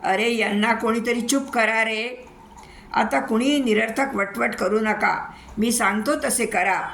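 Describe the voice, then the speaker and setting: A woman's voice: on the high side, slow, vocal fry, a bit bright, heavily acted. Brief: bossy storybook station chief barking orders; a woman puts him on. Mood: commanding. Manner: commanding, scolding. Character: stern male railway boss barking orders.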